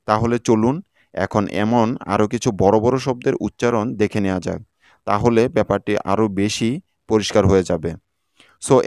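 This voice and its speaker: A man teaching English pronunciation in a video lesson, spelling words out slowly and carefully syllable by syllable. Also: lowish voice, darkish tone, clear, resonant tone, dry recording, clean studio sound.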